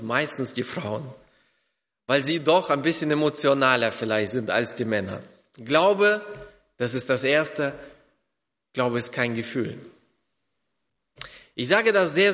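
A man's voice: fairly high pitch, fairly bright tone. A man preaching a sermon to a congregation, stressing key words and acting out the doubts of believers. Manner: emphatic, repeats key words, acts out quoted doubts. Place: church hall. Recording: long hall reverb.

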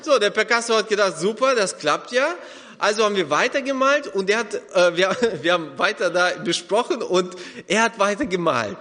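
High-pitched guy preaching, hits key words hard, big echoey church hall. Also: lively intonation, a little fast, few pauses, sharp tone. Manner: emphatic, repeats key words, acts out quoted doubts. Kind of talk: sermon. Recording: long hall reverb.

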